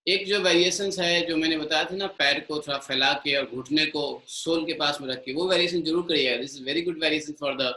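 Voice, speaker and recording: A man's voice: fairly high pitch, moderate pace, few pauses, pushed and bright, echoey room, low-quality recording. A middle-aged man with an Indian accent teaching a live online yoga class, switching between Hindi and English and coaching students by name.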